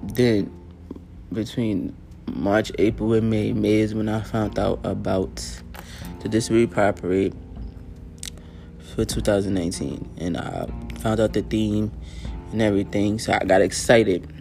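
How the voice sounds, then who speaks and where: A man hosting his own show, telling a personal story in an earnest, casual way, often clearing his throat and using fillers, sounding a little tired. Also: on the low side, steady tone, unhurried, long pauses, dark tone, soft background music. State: tired, yawning. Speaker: podcast host.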